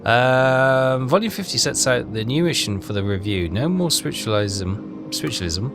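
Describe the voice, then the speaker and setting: A gamer narrates a walkthrough at normal speed in an expressive, medium-pitched voice. He mutters and hesitates while puzzling things out in casual commentary, with game music behind him.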